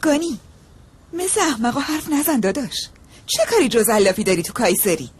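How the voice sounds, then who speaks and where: A woman dubbing a sharp-tongued young woman who harshly scolds her younger brother. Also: on the high side, very animated, slightly rough. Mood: angry scolding. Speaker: dubbed drama character, elder sister. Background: background score music.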